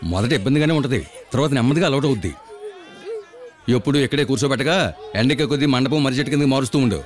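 A man voicing a gruff, bossy leader of a beggar gang who scolds and lectures them, in a dubbed film. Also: medium pitch, rapid-fire, natural voice. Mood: lecturing.

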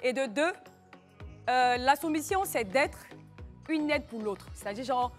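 A woman co-hosting a TV talk show, chatting in a lively, playful way. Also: high-pitched, unhurried, faint music behind. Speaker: co-host. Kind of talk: casual studio banter.

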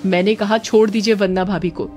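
A woman's voice: medium pitch, steady tone, fairly quick, darkish tone, close to an everyday voice. A woman doing a defiant young daughter. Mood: firm, pleading. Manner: firm, insistent. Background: faint background music.

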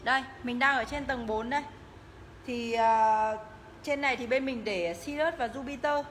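A woman giving a live, promotional sales pitch as she walks through shop rooms, repeatedly urging viewers to get in touch. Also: moderate pace. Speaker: motorbike shop livestream seller. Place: tiled indoor motorbike showroom rooms and stairwell. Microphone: handheld phone, held by the walking speaker. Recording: noisy phone audio in echoing hard-walled rooms.

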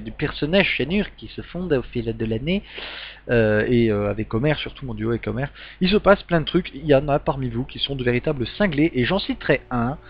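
A man giving a casual update to his gaming channel's subscribers, rambling with many ums and restarts. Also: medium pitch. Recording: dull lo-fi sound with faint music.

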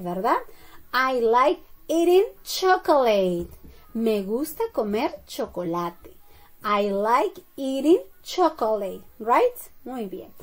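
A woman with a high voice teaches English to children in a slow, patient lesson. She drills each sentence twice and keeps checking that the class follows. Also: darkish tone. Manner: slow, deliberate drilling with frequent "¿ok?" and "¿verdad?" checks.

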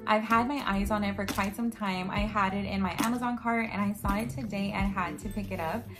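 This twenty-something woman, her medium-pitched voice a little raspy since she lost it yelling at a concert, sits indoors in her bedroom doing a casual book haul video. Music plays in the background as she chats, reads blurbs out loud, and fills gaps with frequent "like" and "um."

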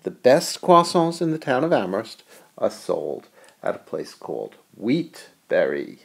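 Animated gravelly-voiced male professor. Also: fairly low pitch, a little slow. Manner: playful, animated, jokey asides. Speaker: economics professor. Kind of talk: recorded video lecture. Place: US college.

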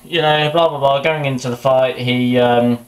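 A boxing vlogger's medium-pitched, steady voice comes at normal speed as he cooks in his little kitchen, rambling and muttering about the sport. The camera mic recording is rough, with a little hiss or hum.

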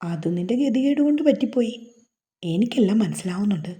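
A woman's voice: mid-range voice, lively intonation, brisk, warm tone, close to an everyday voice. A woman voicing a sulky young husband who turns playfully teasing in a romance novel reading. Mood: grumbling.

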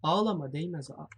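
Jumpy young man, husky voice. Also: on the high side. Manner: jumpy, swearing, thinking aloud to viewers. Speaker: gamer playing a horror game. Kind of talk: let's play commentary.

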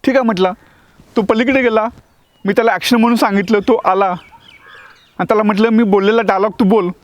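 A man with a notably high voice tells a personal story, acting out the dialogue and often breaking off to restart a phrase. The sound is close and dry, with no room around it. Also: fairly even intonation, a little fast, no room sound, lo-fi sound. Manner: vivid, re-enacts dialogue with frequent restarts. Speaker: acting teacher recounting a devotional experience.

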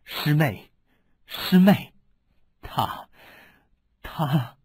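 A man voicing a loyal young swordsman who speaks softly and haltingly. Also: on the high side, animated, breathy edge, exaggerated voice. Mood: choked. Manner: soft, halting.

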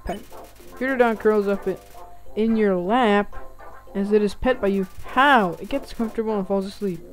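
A woman's voice: medium pitch, fairly even intonation, a little mellow. Woman reading game text in let's play. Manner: reads game text aloud between quick reactions. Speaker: gaming channel host. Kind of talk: casual let's-play commentary.

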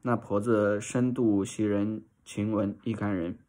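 A man reading a classic novel aloud as audiobook narration in a steady, measured way. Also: lowish voice. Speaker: reader.

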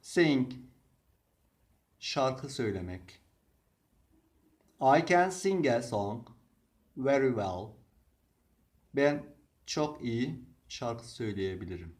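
Guy teaching vocab super slow, reads each word real careful, middle pitch. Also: animated. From Turkey. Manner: slow, deliberate reading of words and example sentences. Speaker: English teacher.

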